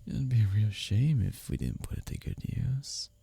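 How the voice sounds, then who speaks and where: In an intimate romantic roleplay, a man portrays a teasing workplace rival who's smitten, his voice medium in pitch and dark in tone, with no echo. The delivery is breathy, husky, and halting, often dropping to a whisper. He sounds breathless and flirtatious.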